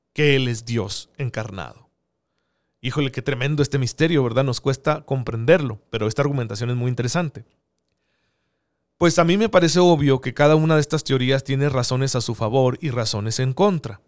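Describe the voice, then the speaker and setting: A man's voice: medium pitch, smooth. A man giving an earnest theological teaching talk, often asking rhetorical questions. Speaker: preacher.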